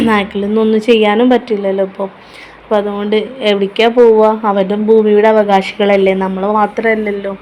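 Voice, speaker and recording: A woman's voice: medium pitch, slight background noise. A woman, chatting casually in her vlog and giving motherly advice. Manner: chatty, keeps adding a tag word, warm motherly advice. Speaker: vlogger.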